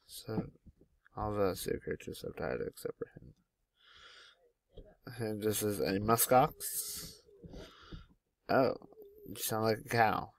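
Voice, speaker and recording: A young man commenting casually on a game at home, easily delighted by every creature he finds. His voice is low and gravelly with plenty of fry. The recording is dry, with no room around it. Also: slow, pauses often, no echo. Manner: chatty, easily delighted, naming animals as they appear. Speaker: gaming YouTuber.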